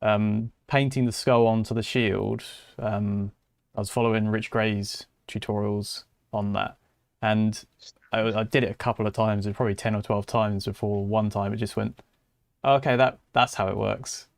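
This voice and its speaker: Gravelly low man, hesitant. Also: level tone, moderate pace, no echo, studio quality. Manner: hesitant, many fillers and restarts. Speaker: podcast co-host. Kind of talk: casual chat.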